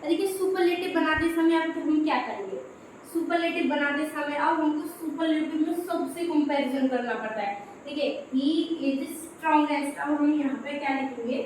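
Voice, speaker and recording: High-voiced woman teaching grammar, very echoey. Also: moderate pace. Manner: explains step by step, repeating "dekhiye". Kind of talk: Hindi classroom-style grammar lesson. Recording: very echoey room, faint background noise.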